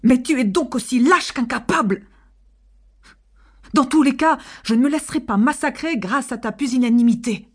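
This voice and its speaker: A woman voicing a sharp-tongued, scornful middle-aged wife in a storybook reading, with a husky voice and a raised, sarcastic tone. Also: high voice, normal speed, pitched above the performer's own voice.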